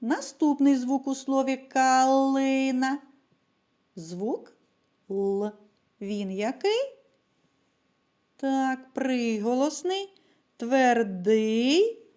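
Woman, primary teacher, slow and patient, soft mellow voice, fairly high. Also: expressive. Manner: slow, patient, addresses children directly. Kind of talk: children's lesson.

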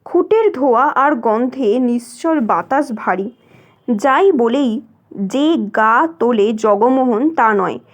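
Slow, high-voiced woman reading a story. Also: expressive. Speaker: story reader.

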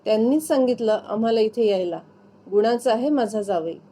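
A woman's voice: a little high, lively intonation, moderate pace, dark tone. A woman reading aloud, voicing an elderly mother who fondly praises her son-in-law. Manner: fond, praising. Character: fond elderly mother, warm and proud.

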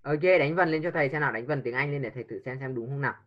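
A man's voice: mid-range voice, rapid-fire, lo-fi sound. A man teaching an English lesson to a child, patiently coaxing with repeated prompts.

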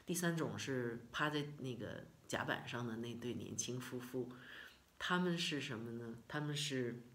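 A middle-aged woman from China recounts a personal story in a casual vlog. Her voice sits low, but her intonation swings widely, and she talks expressively, full of sighs and repetitions. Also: lively intonation, unhurried. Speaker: vlogger.

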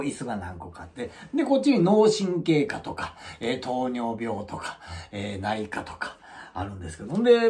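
A middle-aged man from tells a story in a lively, swooping voice with a gravelly edge. He talks as a channel host and acts out the people he describes. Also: on the high side. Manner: animated, acts out quoted voices. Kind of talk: casual storytelling monologue.

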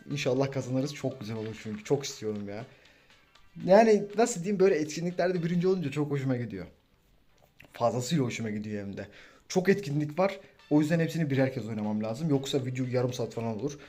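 A young man giving casual, excitable commentary over his own gameplay and teasing his teammates as he plays. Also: mid-range voice. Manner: excitable, banters and trash-talks teammates. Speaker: gaming YouTuber.

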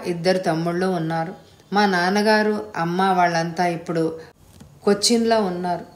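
A woman's voice: on the low side, lightly acted. A woman voicing a teasing, playful young heroine in a storybook reading. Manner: teasing, light. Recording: echoey room.

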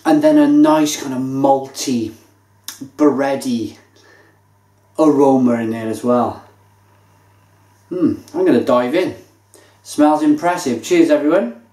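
A man's voice: medium pitch, takes it slowly, pauses often. A man in his thirties casually reviewing a beer at home, chatting as he tastes and describes it. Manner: relaxed and chatty, savoring and describing each sip. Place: home kitchen, indoors. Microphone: camera mic at table distance. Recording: echoey kitchen room sound.

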